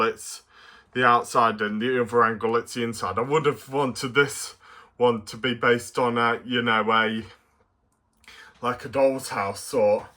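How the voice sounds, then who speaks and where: A man presenting a casual toy review to camera, with an excitable, playful kids-show delivery that is often halting and hesitant. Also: medium pitch.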